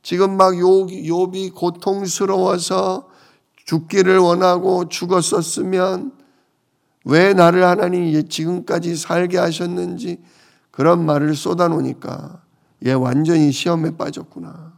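A man's voice: sits high, level tone, measured pace, vocal fry. A male pastor preaching a sermon, explaining scripture and asking his listeners questions. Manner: explanatory, asks the congregation questions.

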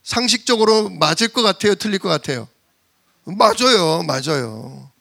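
A man preaching a sermon in a lively way, acting out the voices of the people he quotes. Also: high-pitched, moderate pace, gravelly. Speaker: pastor.

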